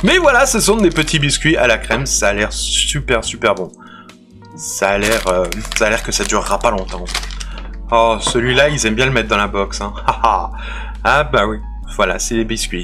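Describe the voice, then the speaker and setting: A man's voice: fairly low pitch, animated, moderate pace, bright, forceful tone, soft background music. A man hosting a casual unboxing video, chatty and playful, often restarting his sentences. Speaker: unboxing channel host.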